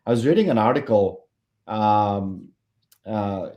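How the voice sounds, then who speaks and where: A man in his forties, originally from Bangladesh, answering as a founder on a podcast in a measured way with many fillers. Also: lowish voice, highs cut off. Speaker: company founder and CEO, guest. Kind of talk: podcast interview.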